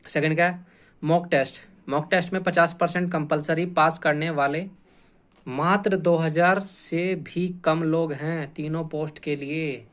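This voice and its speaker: A man gives an informal explanatory lecture to students in the style of an exam coach, repeating and stressing points and tacking on frequent check-in tag phrases. His voice is on the high side, steady and fairly bright, and he speaks a little slowly.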